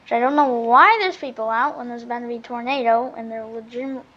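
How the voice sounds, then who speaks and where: A woman with a fairly high voice talks her way through a game in casual running commentary. She often seems to address herself, moving between muttered asides and louder outbursts. The microphone sounds slightly dull and lo-fi. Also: fast talker, a little hiss or hum. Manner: chatty running commentary, often talking to self; volume swings from muttering to loud exclamations.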